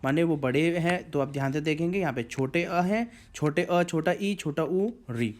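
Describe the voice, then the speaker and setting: A man's voice: a little high, moderate pace, a little mellow. A man teaching a grammar lesson to schoolchildren, explaining patiently step by step and drawing out vowel sounds to show pronunciation.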